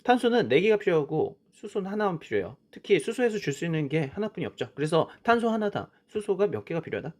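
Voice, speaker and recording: A man's voice: high voice, very animated, fast, few pauses. A man teaching a science lesson, drawing on a worksheet as he explains, often starting with "자" and asking questions that he then answers himself. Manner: frequent "자" and "그쵸?" as prompts.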